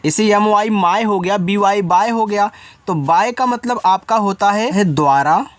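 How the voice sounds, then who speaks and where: A man's voice: high-pitched, measured pace, no room sound. A male teacher giving a spoken lesson, explaining step by step with patient repetition and frequent check-ins. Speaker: English teacher.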